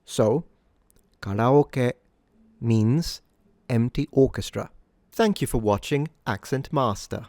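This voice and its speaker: A man hosting a short scripted pronunciation lesson, speaking in a measured way and repeating words slowly for practice. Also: mid-range voice, animated, a little mellow, no echo. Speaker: pronunciation teacher.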